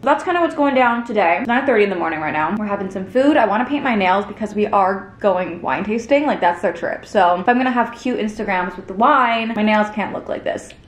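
Młoda kobieta z Kanady nagrywa swobodny vlog w domu i mówi do kamery pogodnie i z wieloma wtrąceniami. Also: female voice, mid-range voice, animated, brisk, hardly any pauses, reverberant. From Canada. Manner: chatty, upbeat, many "like" fillers. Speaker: vlogger. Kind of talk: casual vlog chat to camera. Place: apartment at home.

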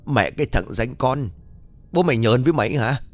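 A man's voice: medium pitch, expressive, moderate pace, dry recording, natural voice. A man voicing a grumpy older village father who curses and grumbles at his son. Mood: grumbling gruff. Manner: gruff, cursing.

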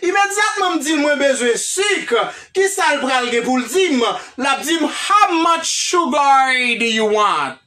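Haitian woman, English teacher, slow and emphatic, high voice, mic set back. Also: animated, bright, forceful tone. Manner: emphatic, repeatedly checks in with the class. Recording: voice a bit far from the mic.

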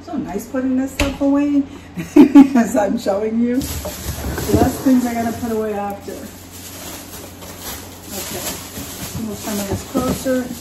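A woman's voice: a little high, unhurried, long pauses, heavy background noise. A woman chatting casually as she unpacks and shows her groceries in her home kitchen. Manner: chatty, relaxed, self-correcting. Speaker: vlogger. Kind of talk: casual grocery haul chat. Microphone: camera across the counter. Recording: echoey kitchen, camera from far off.

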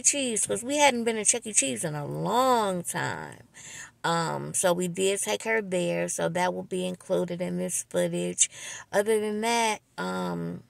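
Lisping woman vlogger with heavy creak. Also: on the low side, no room sound. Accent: American. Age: middle-aged. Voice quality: slight lisp from wearing a dental retainer-like aligner. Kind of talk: casual vlog intro to camera. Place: inside a parked car. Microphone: phone at arm's length.

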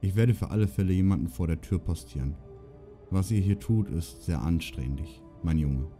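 A man voicing a calm, fatherly older king who grumbles his words in an audiobook reading. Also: low-pitched, moderate pace, faint music behind, close to an everyday voice.

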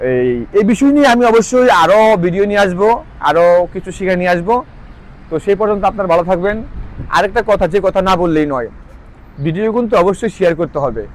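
High-voiced man teaching phrases. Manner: repeats phrases slowly, explains with "ঠিক আছে?" checks. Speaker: language teacher. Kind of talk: casual spoken lesson.

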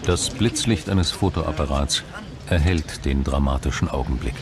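A man narrates in a scripted news documentary style. His voice is very low, and clear urban noise runs behind the voice-over. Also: normal speed. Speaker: reporter narrator.

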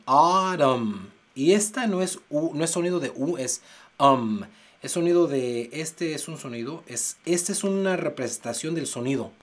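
A man teaching English pronunciation, exaggerating sounds slowly to demonstrate them. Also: mid-range voice. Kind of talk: pronunciation lesson. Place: United States.

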